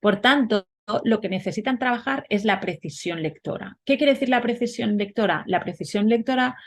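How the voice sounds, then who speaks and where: A woman's voice: medium pitch, lively intonation, normal speed. A woman giving a webinar lecture, explaining step by step and often asking rhetorical questions. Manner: explanatory, frequent rhetorical questions and "¿vale?" checks. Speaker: teacher.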